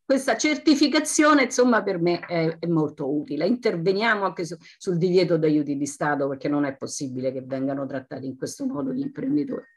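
A woman's voice: sits low, expressive, fairly quick, few pauses, slightly rough. A woman in her sixties giving an indignant, unscripted opinion on a video call, full of rhetorical questions. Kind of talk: spontaneous opinion in online discussion. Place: dim room at home, video call.

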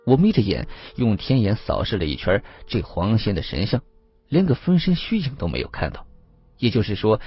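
A man narrating a serialized audio story with steady, measured emphasis. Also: on the low side, husky, dry recording. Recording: slightly muffled with faint music.

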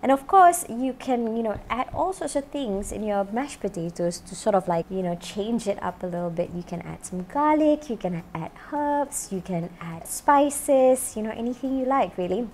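Her voice is on the high side, expressive and darkish, moving at a moderate pace with hardly any pauses. She's a chef in her thirties chatting brightly to camera on her cooking show, full of "you know," miked with a lapel mic in a home-style kitchen studio indoors, with slight background noise.

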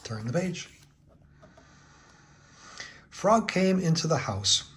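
Slow-reading man narrating a kids' book. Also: a little high, big pitch swings, fairly bright tone, slight background noise. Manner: slow, clear storytelling narration. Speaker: children's book reader. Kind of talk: reading a picture book aloud to kids.

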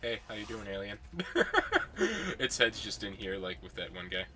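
A man's voice: low voice, fairly even intonation, a little fast, pushed and bright. A man playing a horror game, chatting nervously and jokily and sometimes dropping to a whisper. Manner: nervous, jokey, drops to whispers. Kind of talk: casual let's play chatter.

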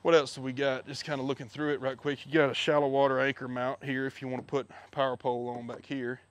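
A man giving a relaxed, chatty walkthrough of his gear outdoors, filmed on a head-mounted camera. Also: mid-range voice, fast talker, clear, resonant tone. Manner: relaxed, chatty, with many fillers. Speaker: fishing video host. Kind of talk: casual product walkthrough. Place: backyard outdoors. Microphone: head-mounted action camera.

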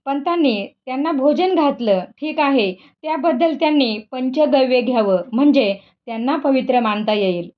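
A woman's voice: high voice, expressive, normal speed. A woman voicing an enraged older male village priest, harsh and scolding, in a spoken story reading. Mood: stern. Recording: dull lo-fi recording.

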